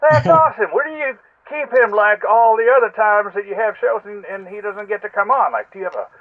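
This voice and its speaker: A man's voice comes through a thin, tinny landline phone line. He sits very high for a man and rambles through a joking voicemail, stalling often on fillers before pressing on. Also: a little fast. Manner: rambling, hesitant, with many fillers. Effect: heard over a landline phone line. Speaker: caller leaving a voicemail.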